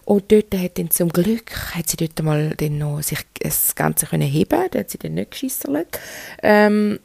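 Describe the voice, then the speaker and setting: A woman's voice: lowish voice, animated, normal speed, gravelly, a little mellow, no room sound. A woman in her thirties with a Swiss German accent, hosting a frank, chatty solo podcast and talking straight to her listeners. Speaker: podcast host. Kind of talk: candid solo podcast monologue.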